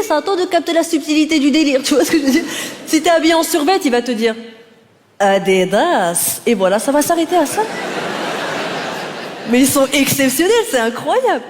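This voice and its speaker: A woman stand-up comedian, talking directly to the audience on stage in a lively, energetic way. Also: sits high. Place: on stage before a live audience. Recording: live stage with loud crowd noise.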